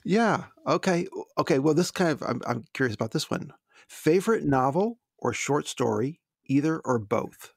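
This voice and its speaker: Male podcast host, friendly, casual, slightly high, dry close mic. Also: expressive, moderate pace, gravelly, no echo. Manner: friendly, repeats words while gathering thoughts. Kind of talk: casual interview over a call.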